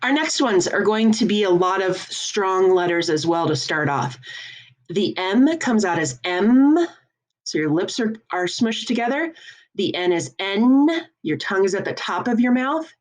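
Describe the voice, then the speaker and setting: A woman teaching a French lesson, explaining each point patiently and enunciating clearly. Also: mid-range voice, animated, measured pace. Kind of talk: classroom lesson.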